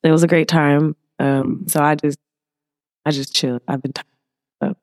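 A woman's voice: deep voice, level tone, moderate pace, a little mellow, dry recording, clean studio sound. An American woman from Oakland with a Bay Area accent, chatting casually and slangily as a podcast guest. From Oakland, California. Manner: laid-back, slangy. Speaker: podcast guest, music artist. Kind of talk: casual chat.

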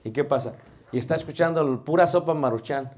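Mexican man, preaching instructor, lively lecture style, peppers in rhetorical questions. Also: on the high side, fast. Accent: Mexican Spanish. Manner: animated, asks rhetorical questions, homely cooking comparisons.

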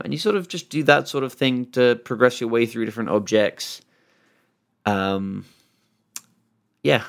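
A man co-hosting a podcast, chatting casually in a relaxed, hesitant way. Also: fairly low pitch, vocal fry. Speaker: podcast co-host. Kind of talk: casual chat.

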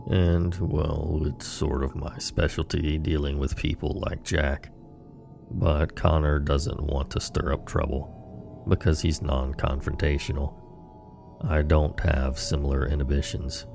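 A man hosting a horror podcast, narrating scary stories in a slow, ominous horror-host manner. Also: a bass voice, flat delivery, creaky, music in the background.

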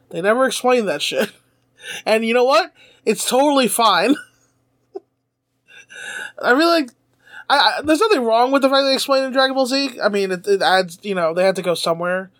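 A man's voice: high-pitched, a bit bright, dry recording, studio quality. A man co-hosting a podcast, chatting casually, laughing often and swearing freely. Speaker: podcast co-host.

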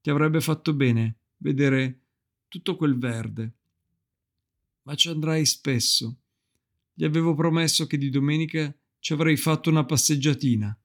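A man voicing a gentle, grieving father who speaks tenderly in a storybook reading. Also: on the high side, measured pace. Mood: tender grief.

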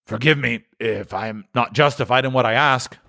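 A man's voice: medium pitch, moderate pace, gravelly, sharp tone. A man voicing an old male miser in a storybook reading, asking fearful, pleading questions. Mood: anxious.

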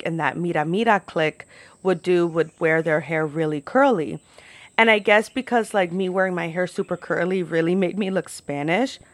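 A woman's voice: fairly low pitch, no room sound. A young American woman telling personal stories casually to camera, chatty and candid, peppering her talk with "like". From United States, New York and Florida. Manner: candid, chatty, frequent "like" as filler. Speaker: podcast host. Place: outdoors at home.

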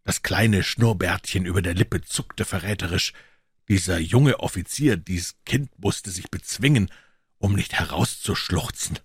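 A man reading a story aloud as a first-person narrator, with a slow, earnest and emotionally charged delivery. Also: low-pitched, husky, dry recording, studio quality. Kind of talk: dramatic audiobook reading.

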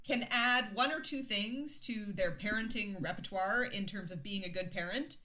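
A woman's voice: medium pitch, moderate pace, pushed and bright, poor audio. A woman co-hosting a casual TV recap chat, speaking informally and freely giving her opinions. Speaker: podcast co-host.

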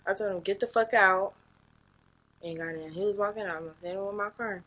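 A woman's voice: mid-range voice, fairly even intonation, very fast. A young woman chatting casually on a podcast, hesitant and blunt, swearing freely. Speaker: podcast guest co-host.

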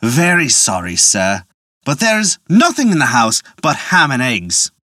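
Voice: mid-range voice, huge pitch swings, a little slow, bright, forceful tone, no echo, full character voice. A polite folk-tale innkeeper as the storyteller puts him on, apologetic in tone. The delivery is close and dry, with a voice that still rises and falls freely. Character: apologetic village innkeeper man.

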